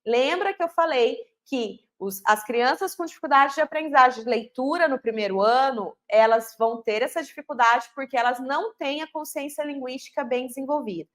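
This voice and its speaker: A woman's voice: high-pitched, fairly quick, few pauses, a bit bright. A Brazilian Portuguese-speaking woman teaching literacy in an online lecture, explaining step by step and posing questions she then answers herself.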